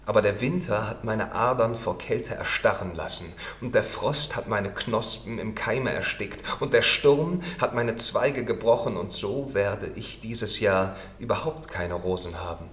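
Ernster, vom Frost gezeichneter roter Rosenstrauch, von einem Mann gesprochen. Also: male voice, fairly low pitch, measured pace, hardly any pauses, a bit bright, reverberant. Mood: grave. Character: frost-damaged red rose bush, male, grave.

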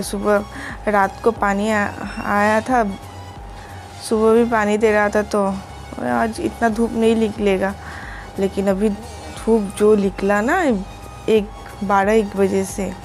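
A woman's voice: mid-range voice, a little mellow. A young woman from Assam, India, chatting casually to her viewers in a home vlog. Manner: chatty, talks to viewers directly. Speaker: vlogger. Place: home, indoors.

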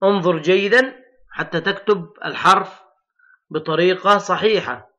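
High, bright-voiced male teacher sounding letters. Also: lo-fi sound. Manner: slow, drawn-out, emphatic letter sounding for children; addresses pupils as heroes, patient and encouraging. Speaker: primary school Arabic teacher. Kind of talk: recorded classroom lesson for young children.

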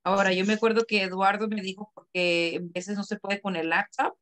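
A woman's voice: mid-range voice, little pitch movement, fairly quick, fairly bright tone. Woman sharing a tip in class. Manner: friendly, shares a practical tip. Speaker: class participant. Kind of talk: casual class comment.

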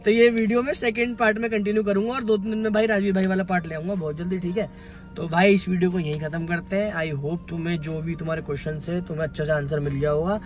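A young man and vlogger telling stories from his school days to his viewers in a lively, chatty way that often breaks into laughter. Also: high-pitched, quick pace, faint music behind. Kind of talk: casual storytelling to viewers.

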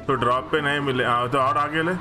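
A man streaming a squad shooter, his voice at an ordinary pitch as he fires off quick, repeated calls to his teammates. He sounds excited and hurried throughout. Loud game music plays steadily behind him. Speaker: gamer streamer. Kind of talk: casual squad game chatter. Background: game music and gunfire.

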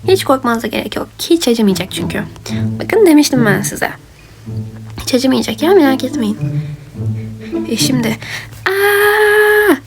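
A woman voicing characters in a doll game role-play, lively and chatty, switching between them. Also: fairly high pitch, moderate pace, long pauses. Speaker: role-play video maker. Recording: background music.

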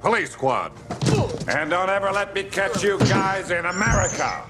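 An older actor playing a bumbling, solemnly deadpan police lieutenant in a slapstick film. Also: male voice, sits high, normal speed. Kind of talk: slapstick comedy film acting. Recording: film clip under loud music.

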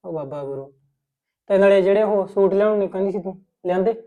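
A man's voice: sits high, fast, narrow, tinny audio. A man playing an easygoing young husband who responds in an offhand, placating way in a village family drama.

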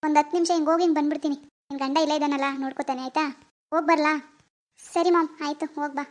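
A performer voicing a grieving young wife, weary and bitter after losing her baby, in an animated drama. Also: high-pitched, rapid-fire, natural voice. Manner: weary, bitter and self-pitying.

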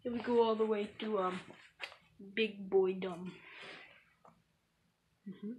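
A woman rambles through a casual gaming vlog, taking her time between thoughts. Her pitch sits mid-range for a woman, and a faint hiss runs underneath. She keeps the tone offhand and jokey, putting on a mock Russian voice to call her viewers comrades. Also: fairly even intonation, slow pace, darkish tone, low-quality recording. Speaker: gaming channel host.

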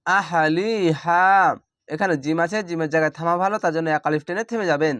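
A young man from Bangladesh gives a slow, spelled-out Quran recitation lesson with a Bangladeshi Bengali accent, spelling each word letter by letter and drawing out the words as he recites. His voice is on the high side and fairly bright, and he talks rapid-fire. The close-mic recording has no room sound.

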